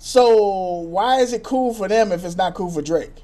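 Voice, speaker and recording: A man co-hosting a casual podcast chat, animated and profane, laughing often. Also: sits high, normal speed. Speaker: podcast co-host.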